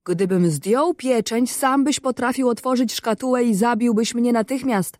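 A woman's voice: fairly high pitch, normal speed, a little mellow, dry recording, studio quality, close to an everyday voice. A woman voicing a poor, distrustful fisherman in a storybook reading, in a reproachful, lecturing manner. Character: poor clever male fisherman, stern and distrustful.

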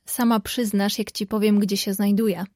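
A woman's voice: mid-range voice, flat delivery, moderate pace, a little mellow, dry recording, clean studio sound, lightly acted. A woman voicing a teasing cheerful young man. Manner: playful, teasing.

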